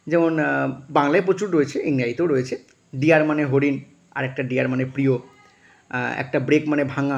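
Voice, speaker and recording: A man teaching a class, explaining word meanings patiently, spelling words out letter by letter with frequent thinking pauses. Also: medium pitch, gravelly. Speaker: English teacher.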